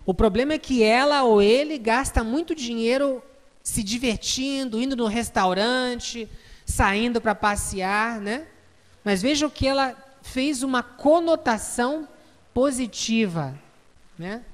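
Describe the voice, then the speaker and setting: A woman's voice: fairly high pitch, big-room sound. A woman with a Brazilian Portuguese accent, lecturing a live group, explaining with examples and asking the audience questions. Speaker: instructor.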